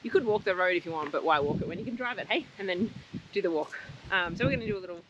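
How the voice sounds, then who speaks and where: A woman's voice: on the low side, animated, racing, fairly bright tone, lo-fi sound. A woman chatting casually in a travel vlog, rambling and laughing as she talks outdoors. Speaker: travel vlogger. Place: outdoors in wind. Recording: outdoor wind noise.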